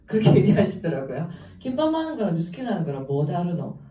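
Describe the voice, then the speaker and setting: A woman's voice: on the low side, sing-song, quick pace, mellow. A woman with a Gyeongsang accent giving an informal seminar talk, chatty and laughing often as she tells stories. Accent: Gyeongsang Korean. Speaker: seminar speaker. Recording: echoey room, voice from a distance.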